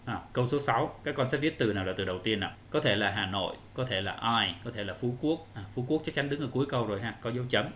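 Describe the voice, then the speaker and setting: A man's voice: medium pitch, animated, quick pace, few pauses, fairly bright tone, slight background noise. A male English teacher, explaining answers step by step to children in an online lesson.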